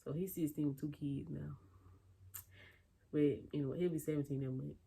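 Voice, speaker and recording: An eighteen-year-old woman talks straight to camera in a casual storytime. Her voice sits low and mellow, and she acts out everyone else's lines. Her talk is loose and chatty, with plenty of fillers and restarts. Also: brisk, gravelly, slight background noise. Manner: animated retelling, acting out other people's lines. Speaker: vlogger.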